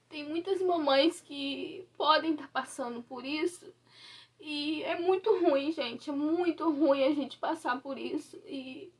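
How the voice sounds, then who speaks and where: A young Brazilian woman telling a personal story to camera from her bedroom, confiding and often checking in with her listeners. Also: high voice. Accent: Brazilian Portuguese. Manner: confiding, tag questions like "sabe?" and "tá?". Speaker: vlogger.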